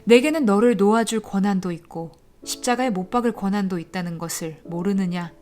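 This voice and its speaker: A woman's voice: medium pitch, fairly quick, natural voice. A woman voicing a stern, uneasy Roman governor in a dramatized scripture reading, speaking in a firm, raised, questioning way. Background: soft instrumental music.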